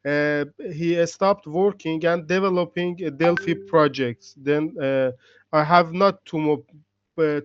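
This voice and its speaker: Clear-voiced Iranian man introducing himself. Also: on the high side, no echo, lo-fi sound. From Iran. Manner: careful, hesitant with fillers. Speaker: student participant. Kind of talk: self-introduction on a class call.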